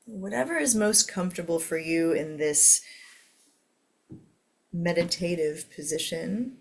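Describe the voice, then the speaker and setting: A woman with a fairly low voice leads a guided meditation as the teacher. She speaks very slowly and gently, giving soothing instructions to a seated group. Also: creaky.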